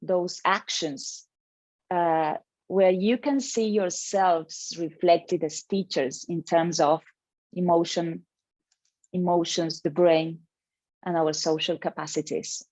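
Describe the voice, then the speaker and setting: A woman's voice: on the low side, steady tone, slow pace, darkish tone, no echo. A woman presenting an educational webinar to teachers over a video call, earnest and emphatic, reading participants' names from the chat.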